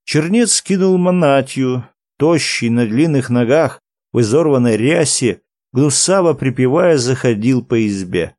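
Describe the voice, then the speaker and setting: A man reading a historical novel aloud as a measured audiobook narration. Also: mid-range voice, animated, darkish tone, no room sound, studio quality.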